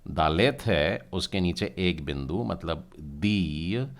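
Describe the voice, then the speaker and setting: The speaker is a Hebrew teacher, a man with a low-pitched voice, lively intonation and an unhurried pace. During the lesson he patiently spells out each letter and sound and directly asks his learners to read along.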